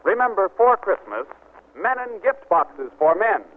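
A man's voice: high voice, sing-song, measured pace. A man as a polished announcer reading scripted lines on an old-time radio show. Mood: polished, upbeat. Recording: tinny, hissy old radio recording.

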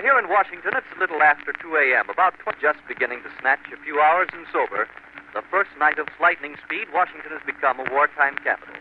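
A man delivering a measured live news report as a radio correspondent, heard through an old 1940s broadcast. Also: on the high side. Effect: old 1940s radio broadcast sound. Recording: tinny old radio recording with loud hiss.

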